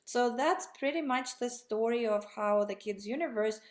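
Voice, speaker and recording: Originally from Russia and in her thirties, this female guest has a fairly high-pitched voice and keeps a moderate pace. Her conversational interview answers wander enthusiastically, with frequent self-corrections and restarts.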